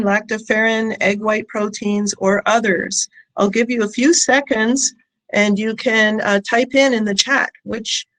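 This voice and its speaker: A woman giving a prepared short talk as a scientist and founder, hesitating often with ums and pauses. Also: medium pitch, rough recording. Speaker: company founder and scientist presenting. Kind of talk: prepared short conference presentation. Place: online presentation with audience in chat.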